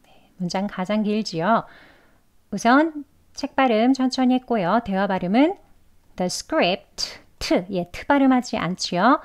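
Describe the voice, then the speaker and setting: Woman teaching english sounds, talks real slow, patient, repeats lines. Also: mid-range voice, lively intonation. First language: Korean. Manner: patient, repeats example sentences slowly. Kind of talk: slow spoken lesson.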